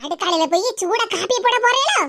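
A woman's voice: very high voice, animated, fast, bright, forceful tone, full character voice. A woman doing a nagging, bossy cartoon wife. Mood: scolding. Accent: Tirunelveli Tamil. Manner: scolding, nagging. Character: bossy, sharp-tongued mother-in-law. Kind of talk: cartoon voice acting. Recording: noisy lo-fi recording.

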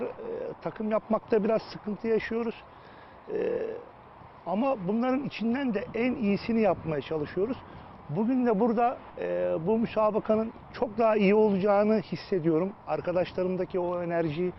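A man speaking as a football coach in a pre-match interview, halting and pausing mid-sentence. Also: high voice, dull audio, a little hiss or hum.

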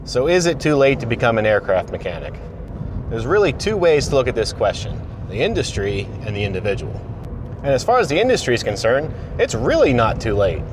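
Speaking a little fast in a sing-song, medium-pitched voice, a late-thirties apprentice aircraft mechanic talks to the dashboard camera in his car for a casual commute vlog. His manner is encouraging, direct and plain-spoken. The audio picks up clear road noise and car sounds.

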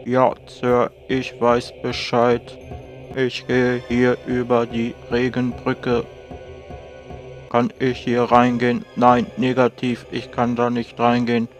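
A man voicing an obedient male robot servant, speaking in a slow, stiff, mechanical way. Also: medium pitch, monotone, soft background music, natural voice. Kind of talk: let's play commentary.

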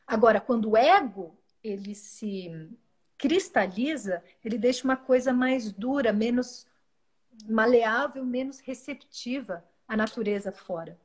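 A woman, giving a calm, earnest spiritual talk as a guest, often restarting her words mid-phrase. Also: on the high side, unhurried. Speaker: guest speaker.

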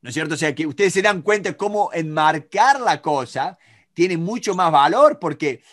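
A middle-aged man with an Argentine Spanish accent teaches negotiation in a live online class, lively and talking to students by name with frequent checks on whether they follow. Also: on the high side, moderate pace. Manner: animated, talks to students by name, many rhetorical checks. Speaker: negotiation instructor.

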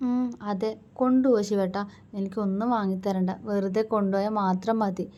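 A woman's voice: a little high, fairly quick, a little mellow, dull audio, pitched above the performer's own voice, natural voice. A woman reading a story aloud and voicing a sensitive young woman who pleads in a childlike, coaxing way. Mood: pleading.

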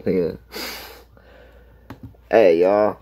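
A man's voice: low-pitched, steady tone, drawn-out words, muffled recording, faint music behind. A man hosting a casual reaction video, cursing freely and hyping up the song he is listening to. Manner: profane, hyped, talks back to the song.

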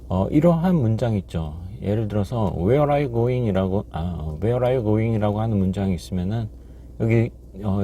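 A man teaching English in a casual podcast lesson, halting with many fillers and slowly repeating practice phrases. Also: fairly low pitch, dark tone, slight background noise.

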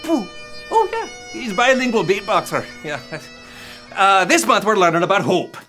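A man's voice: high-pitched, sing-song, unhurried, bright, forceful tone, soft background music, exaggerated voice. A man doing a boastful Scottish rapper puppet. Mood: goofy. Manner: goofy, bouncy, exaggerated. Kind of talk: kids' puppet comedy skit.

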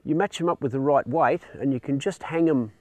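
A man explaining lure technique while fishing outdoors on a jetty, in a relaxed, upbeat way. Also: on the high side, brisk, no echo. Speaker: angler demonstrating lures. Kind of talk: casual fishing demonstration. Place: outdoors on a marina jetty by the water.

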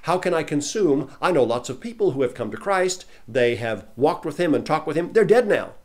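A man giving a Bible teaching in an earnest manner, repeating key lines for emphasis, and he slows down and swells when reading scripture aloud. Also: fairly high pitch, very animated, a little mellow.

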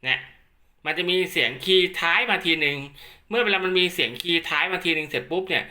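Very bright-voiced man giving a tutorial. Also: fairly high pitch, fast. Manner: repetitive polite particles, hands-on explaining. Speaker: instructor demonstrating equipment. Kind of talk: casual spoken tutorial.

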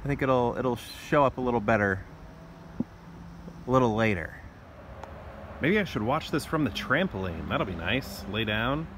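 With a medium-pitched, expressive voice at normal speed, a man in his forties pauses often while casually vlogging about watching the sky. He's outdoors in a residential backyard, holding his phone at arm's length, and tends to trail off tentatively mid-thought. Clear outdoor ambient noise accompanies him.

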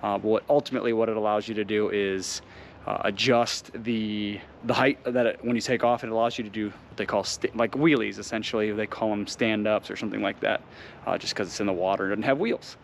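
Man vlogger, casual, lots of ums and uhs, clear outdoor noise behind. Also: on the low side, steady tone, a little fast. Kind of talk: casual vlog update. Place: outdoors, then in a parked truck. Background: outdoor noise, rain.

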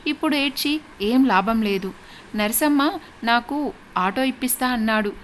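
A woman narrator reads a bossy young village man, blunt and dismissive. The voice sits fairly high, and a faint hiss runs under it. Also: a little slow, close to an everyday voice.

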